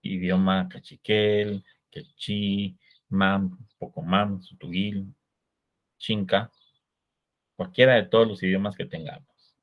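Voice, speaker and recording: Speaking with a Guatemalan Spanish accent, this Guatemalan lecturer teaches law in a measured style, posing rhetorical questions to the class. His low voice has a flat delivery, captured on a dull, lo-fi recording.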